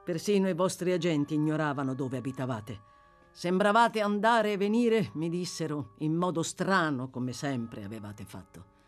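A woman voicing a stern elderly gentleman who speaks in a measured, firmly deliberate and accusing way. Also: low voice, lively intonation, faint music behind.

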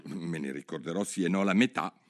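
A man's voice: deep voice, a little fast, voice pushed down, lightly acted. A man reading a storybook aloud, voicing a curious, polite young girl who rambles eagerly. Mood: chatty.

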